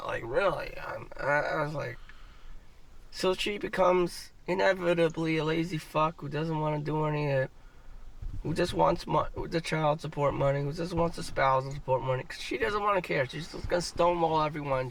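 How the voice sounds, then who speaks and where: Gravelly man ranting profanely on stream. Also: fairly high pitch. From United States. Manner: profane, rambling, repeats himself. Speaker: livestreamer. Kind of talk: casual ranting monologue. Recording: distant mic with faint background noise.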